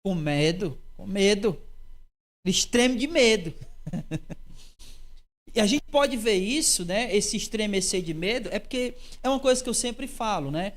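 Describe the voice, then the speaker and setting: A woman teaching a doctrinal Bible study, expressive and full of rhetorical questions. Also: mid-range voice, a little slow, long pauses. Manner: expressive, acts out quoted lines, frequent rhetorical questions.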